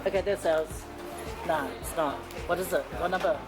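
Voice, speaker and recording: A woman's voice: lowish voice, moderate pace. A woman vlogger chatting casually to camera and companions in a playful, teasing, chatty way. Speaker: vlogger hosting a food outing. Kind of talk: casual vlog chat. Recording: loud music behind a casual vlog recording. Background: loud music.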